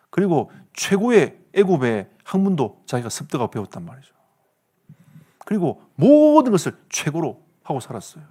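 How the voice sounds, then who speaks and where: Male pastor, Gyeongsang accent, preaching with an expressive, swooping pitch and jokey asides. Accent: Gyeongsang Korean. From South Korea. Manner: animated storytelling with comic asides and laughter. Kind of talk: sermon.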